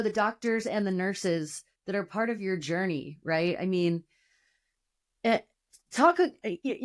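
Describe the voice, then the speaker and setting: A woman hosting an inspirational podcast interview, asking long, searching questions full of fillers. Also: lowish voice. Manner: warm, rambling questions with fillers. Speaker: podcast host. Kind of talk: conversational interview.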